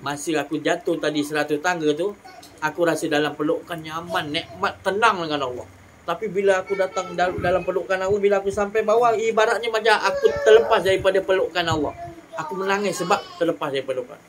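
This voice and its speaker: A humble male saint speaks low and soft, almost confiding, as a preacher puts him on. The voice drops below the preacher's usual pitch and level, and a faint hiss sits behind it. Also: fast talker, lightly acted. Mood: tender, hushed.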